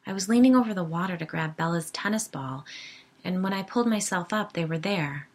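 A woman's voice: on the low side, a little fast, lightly acted. Woman voicing a touchy defensive yogi wife. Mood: hushed. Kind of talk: audiobook character voice.

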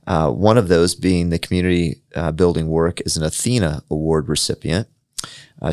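A man's voice: low voice, darkish tone, no room sound, studio quality. A man hosting a local podcast, talking casually with a lot of "uh" and "um" fillers. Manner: easygoing, many fillers. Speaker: podcast host. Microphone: studio microphone.

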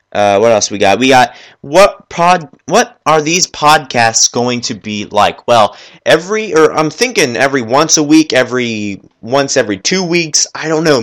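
A man hosting a solo gaming podcast, talking fast and enthusiastically in a rambling, off-the-cuff way while working at his computer. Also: medium pitch, fairly bright tone. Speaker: podcast host.

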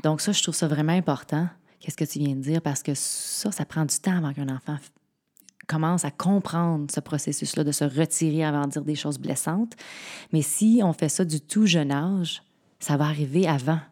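A woman's voice: deep voice, normal speed, warm tone. A woman with a Québécois French accent, a mother and co-host, sharing personal family anecdotes in casual chat, with frequent fillers.

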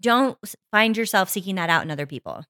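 A woman's voice: mid-range voice, animated, quick pace, pushed and bright. A woman co-hosting a podcast in casual chat, emphatic and opinionated, swearing freely. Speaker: podcast co-host.

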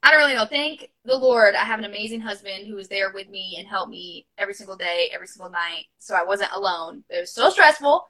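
Appearing as a podcast guest, a young mother tells stories in a casual interview, open and heartfelt, laughing as she talks and full of fillers and asides. Her mid-range voice is animated, bright, and forceful, and she talks fast with hardly any pauses. The audio quality is poor.

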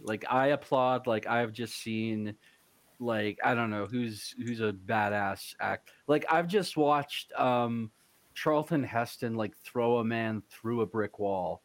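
Low-voiced joking man at a game table. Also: no room sound. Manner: joking, playful. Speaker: player. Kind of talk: casual tabletop game play.

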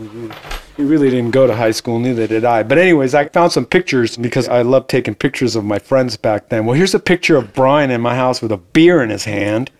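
Animated older man telling stories. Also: mid-range voice. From Argentina. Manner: animated storytelling, laughs easily. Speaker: guest. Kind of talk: casual interview chat.

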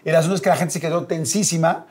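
A man's voice: a little high, fast talker. A man with a Mexican accent telling an anecdote as a guest in casual chat, acting out the quotes. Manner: animated, acts out quotes. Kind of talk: casual storytelling.

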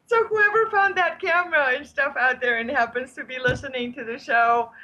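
Brief: chatty female interview guest, bright and tense tone, full of fillers. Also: high-pitched, normal speed, muffled recording. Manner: chatty storyteller, many fillers. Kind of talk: casual interview chat. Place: at home in Spain, on a remote call.

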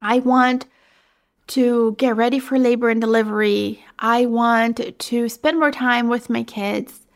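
A woman's voice: on the high side, fairly even intonation, unhurried, gravelly. A young woman hosting her own podcast, talking casually and a little out of breath, with lots of "you know" fillers. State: slightly out of breath. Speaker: podcast host. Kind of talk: casual solo podcast monologue.

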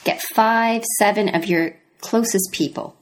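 A woman's voice: mid-range voice, unhurried, slight background noise. A woman co-hosting a podcast, chatting in an encouraging way and telling personal stories. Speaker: podcast co-host. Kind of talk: conversational podcast chat.

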